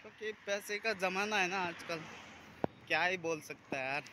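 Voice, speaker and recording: Man in his thirties, walking street vlog, fairly high voice, rambling chatter, phone at arm's length, loud traffic behind. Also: moderate pace. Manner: chatty, rambling, clears throat often. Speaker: vlogger. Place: outdoors on a sunny city street. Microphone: phone camera held at arm's length. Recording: noisy street traffic outdoors. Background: passing traffic.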